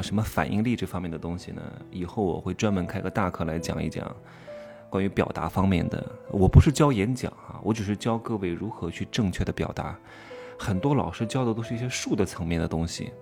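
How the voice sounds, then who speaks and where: A man giving an animated monologue lecture, firing rhetorical questions and stressing key words. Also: on the low side. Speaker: commentator teaching expression.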